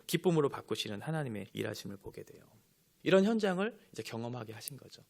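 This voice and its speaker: A man's voice: mid-range voice, creaky, fairly bright tone. A man preaching a sermon as a pastor, explaining scripture point by point and raising his voice when quoting Jesus' words. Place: church.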